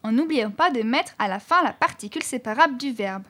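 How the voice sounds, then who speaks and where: High-voiced woman narrating a story. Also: lively intonation, brisk, sharp tone. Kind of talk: audiobook narration.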